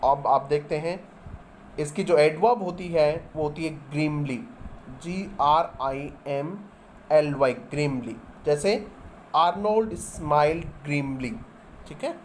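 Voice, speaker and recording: Hindi-speaking male teacher spelling words slowly. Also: fairly high pitch, darkish tone, slight background noise. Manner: explains each English example in Hindi. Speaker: English teacher. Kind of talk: vocabulary lesson.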